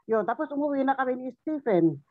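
A woman's voice: high voice, expressive, dry recording. Tinny-sounding woman telling a personal story. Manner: halting, repeats herself, quotes others. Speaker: church member sharing testimony. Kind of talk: personal story in an online Bible study. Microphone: video call. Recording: tinny phone-like call audio.

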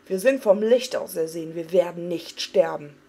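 A woman's voice: fairly low pitch, moderate pace, darkish tone, breathy edge. A woman voicing a commanding young male prince in a read-aloud fantasy story, speaking urgently. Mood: defiant.

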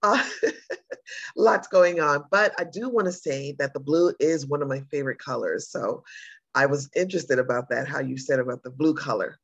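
A woman's voice: very deep voice, fairly quick, vocal fry, slightly rough. A tired woman giving thank-you remarks on a video call. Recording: muffled video call audio.

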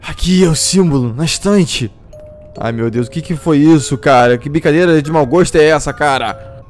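A man's voice: on the high side, moderate pace. A man commenting on a horror game as he plays, jumpy and talking to himself about what to do. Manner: jumpy, exclaims and yelps at scares; talks to himself, asking what to do. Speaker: gameplay streamer. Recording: game music faint behind.

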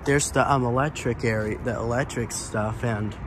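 Walking around a building and parking lot outside, an American man vlogs his tour of abandoned places in a mid-range voice with fairly even intonation and a moderate pace. His commentary is casual, rambling, and repetitive, captured by a handheld camera or phone that picks up clear ambient noise.

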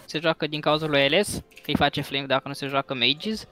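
A man's voice: on the high side, bright, forceful tone. A man explaining his gameplay plainly as a guest player. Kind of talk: casual gaming commentary.

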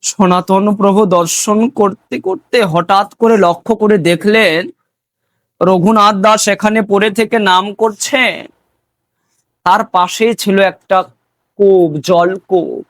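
A man with a high voice preaches a devotional story at an unhurried pace. He is emotional and repeats lines for emphasis. The sound is dry, with no room echo.

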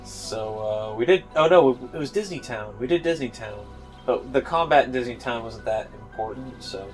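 A man's voice: mid-range voice, normal speed, faint music behind. A man casually commenting on his gameplay as a let's play host, joking and swearing offhand.

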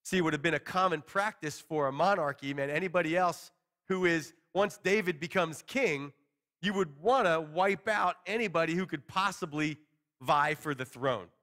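A man's voice: a little high, moderate pace. A man in his forties preaching to a small congregation from a church stage, teaching conversationally and paraphrasing scripture in everyday words. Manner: conversational, animated hand gestures, paraphrases scripture casually. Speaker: pastor. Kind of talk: expository sermon.

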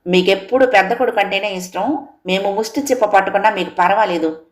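A woman's voice: quick pace, roomy sound, natural voice. A woman voicing a young, resentful daughter-in-law who talks back in a raised, complaining voice. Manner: sharp, raised, complaining pitch.

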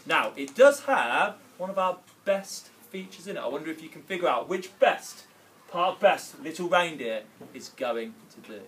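A man's voice: fairly high pitch, expressive, normal speed, a bit bright. A young adult man, a class teacher, enthusiastically introducing a story his pupils will read. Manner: enthusiastic, encouraging.

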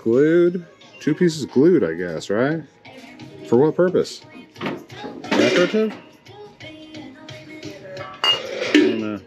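A man of middle pitch talks through a thrift-store vlog in a loose, joking way. He rambles and keeps calling his viewers friends. Music plays clearly behind him. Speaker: thrift reseller vlogger. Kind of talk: casual vlog commentary.

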